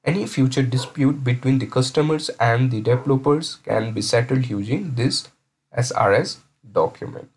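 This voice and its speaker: A man lectures over slides. His voice is a little husky. He works through each point step by step, often restarting phrases and repeating words as he explains. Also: medium pitch, moderate pace.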